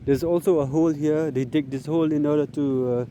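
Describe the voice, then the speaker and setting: A man's voice: fairly high pitch, steady tone, fairly quick, mellow, slight background noise. A man with a Northeast Indian accent talking casually outdoors for a running vlog, hesitant and often repeating his phrases. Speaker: vlogger. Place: outdoors on an open grass field.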